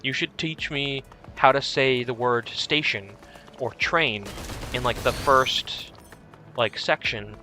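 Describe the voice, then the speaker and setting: A man's voice: medium pitch, takes it slowly, bright, forceful tone, soft background music. A young man streaming a video game, chatting in a rambling, easygoing way with lots of restarts. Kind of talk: casual chat while streaming a game.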